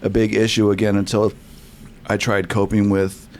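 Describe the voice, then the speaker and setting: A man's voice: fairly low pitch, flat delivery, normal speed, darkish tone. A young man, a podcast guest from California, telling his story candidly with many restarts and fillers.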